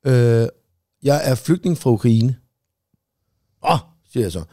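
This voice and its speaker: A man's voice: medium pitch, expressive, mellow, no echo, clean studio sound. A man telling a long story in casual chat, rambling, swearing freely and full of fillers. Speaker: podcast co-host.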